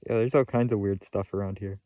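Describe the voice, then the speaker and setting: Casting: young adult male vlogger, low laid-back voice, casual commentary, dry close sound. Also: fairly even intonation, quick pace, dark tone, no room sound. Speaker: rock hunting vlogger. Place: outdoors in a yard and rock field, or inside a parked van. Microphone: phone at arm's length.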